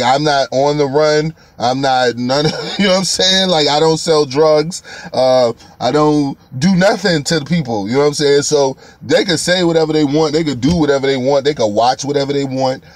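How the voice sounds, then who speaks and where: A man's voice: fairly high pitch, normal speed, few pauses, no room sound. A man giving casual live-stream commentary in a blunt, profane, mocking way.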